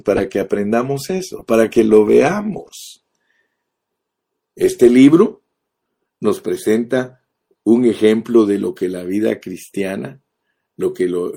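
Slow, husky-voiced preacher. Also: male voice, fairly low pitch, mellow. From Guatemala. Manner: earnest, repeats phrases for emphasis, addresses listener directly. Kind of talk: sermon.

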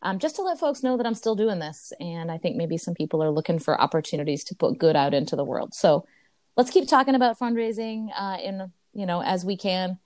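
A woman co-hosting a team podcast, chatting casually in an upbeat way with a loud voice and many fillers. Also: on the low side, lively intonation, fairly quick, dry recording, clean studio sound. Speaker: podcast co-host. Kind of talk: casual chat.

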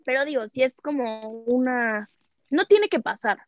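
A woman's voice: sits high, lively intonation, measured pace, no room sound. A young woman with a Mexican accent candidly telling a personal story in casual chat, rambling with many fillers. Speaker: podcast guest. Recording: dry, muffled lo-fi recording.

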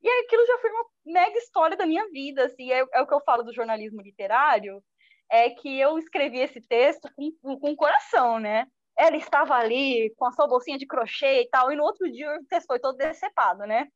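A woman with a high voice recounts her reporting days in an interview, lively and acting out quoted speech. The sound is dull and lo-fi and very dry. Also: a little fast, no room sound. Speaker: journalist. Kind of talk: personal storytelling in an interview.

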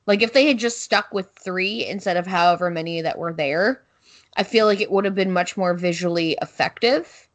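A woman co-hosting a casual movie chat, opinionated and quick to cut in. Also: lowish voice. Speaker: podcast co-host.

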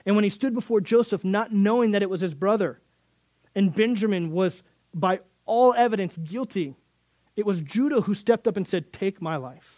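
Earnest higher-voiced male Bible teacher. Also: moderate pace, a little mellow, no room sound. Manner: earnest, stumbles and repeats words while building emphasis.

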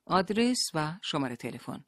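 A narrator voicing a male police interrogator who questions with polite, feigned calm in an audiobook. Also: medium pitch, dry recording, clean studio sound. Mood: cool pressing.

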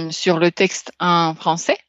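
A woman gives a casual lesson, unhurried and patient, pausing often to find her words. Her voice sits a little low and comes through dry and slightly muffled, like an online call. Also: steady tone, fairly bright tone, dry recording. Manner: patient, explains slowly with many fillers. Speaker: language exchange tutor. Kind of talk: casual tutoring over a call.

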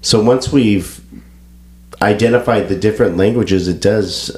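A podcast co-host with a low, slightly mellow voice sounds congested and stuffy as he talks a little slowly. His casual chat is loose and rambling, with frequent restarts.

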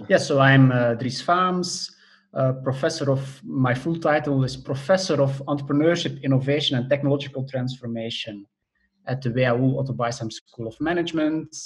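A middle-aged Belgian professor of entrepreneurship answers interview questions thoughtfully, explaining things step by step with frequent hesitations. His voice is medium-pitched and moderately paced, though the audio quality is poor.

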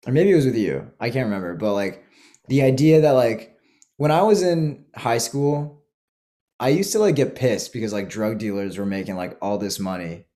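A man's voice: medium pitch, moderate pace, mellow. A young man hosting a podcast, chatting casually, swearing freely and peppering his talk with "like.". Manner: laid-back, swears a lot, fills talk with "like". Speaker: podcast host. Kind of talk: casual chat.

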